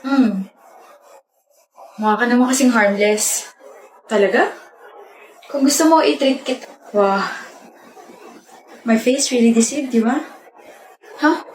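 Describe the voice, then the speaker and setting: Woman, slightly high, lively skit lines, roomy echo, faint background noise. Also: measured pace, pauses often. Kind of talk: scripted comedy skits. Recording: echoey room with faint hum.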